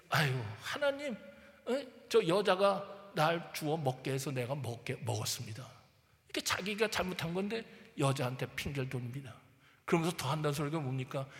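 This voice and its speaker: A man's voice: on the high side, a bit bright, long reverb tail. A male pastor preaching a sermon emphatically, prodding his listeners with rhetorical questions and acting out Bible figures. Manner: acts out Bible figures in quoted speech.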